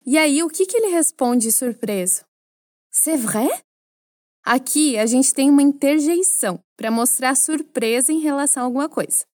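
A woman with a Brazilian Portuguese accent teaching a French lesson, explaining phrases clearly and asking the listener to repeat after her. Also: sits high, normal speed, hardly any pauses, no echo, clean studio sound.

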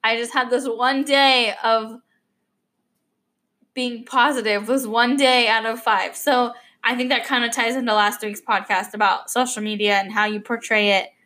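A woman's voice: fairly high pitch, steady tone, moderate pace, bright, forceful tone. Rambling young woman hosting a podcast. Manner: rambling, with many fillers and restarts. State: a little choked up. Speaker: podcast host. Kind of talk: unscripted casual podcast monologue.

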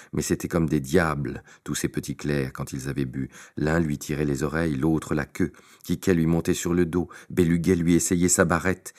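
A man narrating a classic tale as an audiobook, with theatrical, varied emphasis. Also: very deep voice. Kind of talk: expressive storybook narration.

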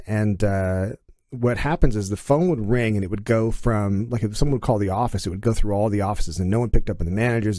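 Warm-voiced Canadian man telling stories. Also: on the low side, dry recording, studio quality. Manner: animated, story-driven, quick to laugh. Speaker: podcast guest, voiceover artist. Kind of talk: casual storytelling chat.

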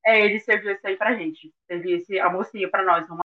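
A woman's voice: mid-range voice, steady tone, fairly quick. A Brazilian woman co-hosting a podcast, talking in a slangy, playful way. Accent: Brazilian Portuguese. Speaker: podcast co-host. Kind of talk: casual podcast chat. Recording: phone-like thin sound.

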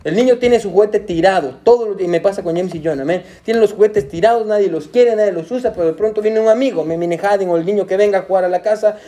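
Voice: mid-range voice, quick pace, hardly any pauses, mellow. A preacher giving a church sermon, often breaking in with amén and escuche and adding playful asides and everyday examples. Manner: peppers speech with amén and escuche.

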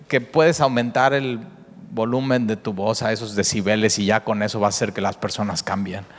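A man preaches a sermon in a church sanctuary, his voice sitting at an ordinary pitch. He speaks earnestly, often stopping to rephrase and circle back to a point. A long hall reverb trails after each phrase. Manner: earnest, repeats himself, often rephrases with "o sea". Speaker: pastor.

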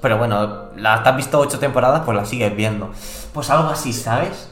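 A man's voice: medium pitch, brisk, fairly bright tone. Rambling man with a Spanish accent, echoey room. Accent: Spain Spanish. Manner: exclamatory, rambling, often restarts his phrases. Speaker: podcast co-host. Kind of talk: casual chat.

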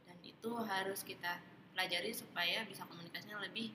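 A woman hosts a relaxed podcast chat, mostly asking curious questions and answering with short acknowledgements. Her voice rings in a roomy space with a long reverb. Steady background noise is clearly audible. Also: mid-range voice, fairly quick. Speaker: podcast host.

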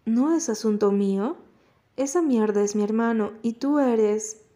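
A woman's voice: fairly high pitch, a little slow, mellow, lightly acted. A woman reading a blunt young man. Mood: indignant.

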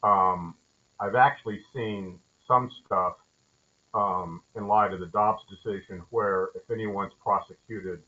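A man, a judge, explaining his view during a training call, halting and thoughtful with many restarts. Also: on the low side, fairly even intonation, sharp tone. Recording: muffled lo-fi audio.

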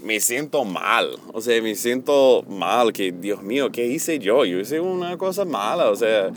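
A middle-aged man teaching on Bible words, earnest and slow, mixing a personal confession into his explanation. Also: fairly low pitch, expressive, slight background noise. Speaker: preacher.

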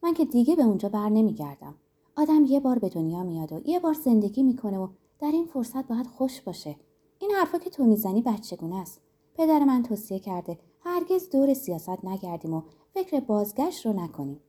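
Brief: carefree young woman, teasing and breezy, raised lively voice, as the narrator puts her on. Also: fairly high pitch, husky, pitched above the performer's own voice.

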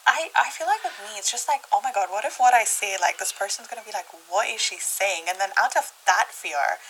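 A young woman co-hosting a podcast, chatting in an animated, giggly, self-conscious way. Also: medium pitch, fairly quick, a little hiss or hum, low-quality recording. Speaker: podcast co-host. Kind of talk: casual chat.

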